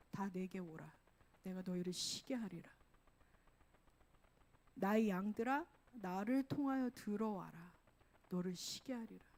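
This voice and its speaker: A woman's voice: a little high, darkish tone. Woman preaching in a conversational, emphatic way. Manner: conversational preaching, frequent self-corrections. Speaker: pastor. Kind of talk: sermon.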